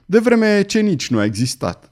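A man's voice: high voice, sing-song, a little mellow, voice pushed up. A man reading an audiobook, voicing a hearty, teasing male sea captain.

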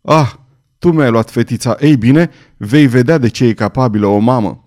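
A man's voice: expressive, darkish tone. A man voicing a frantic young mother. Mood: furious. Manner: raised pitch, shrill cries and pleading.

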